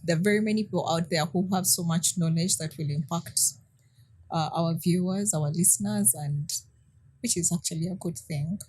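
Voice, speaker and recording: Female podcast co-host, husky, low-ish voice, casual, prompting questions. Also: moderate pace, darkish tone, rough recording. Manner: prompting questions, laughs easily. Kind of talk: casual chat.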